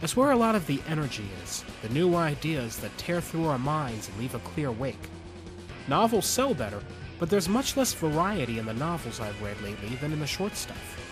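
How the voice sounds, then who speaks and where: Over clearly audible music, a man with a slightly high voice reads scripted commentary and a story as a podcast host. He sounds earnest and measured, choosing his phrasing deliberately, yet he is also very animated.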